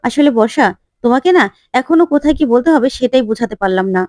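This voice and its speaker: Casting: woman playing a level-headed young husband, gently chiding. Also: high-pitched, lively intonation, fast, no room sound, studio quality. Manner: chiding, reasoning.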